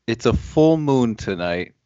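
A man's voice: medium pitch, animated, measured pace, dark tone, dry recording, dull audio. A man hosting a casual podcast chat, playful and teasing, recorded over a video call. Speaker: podcast host.

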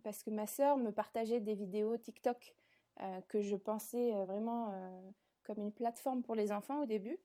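Woman, mid-twenties, from the south of France, mellow warm tone, chatty podcast guest with lots of filler pauses. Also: medium pitch, steady tone. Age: 20s. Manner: chatty, many filler hesitations. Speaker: guest, content creator. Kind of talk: casual interview answers.

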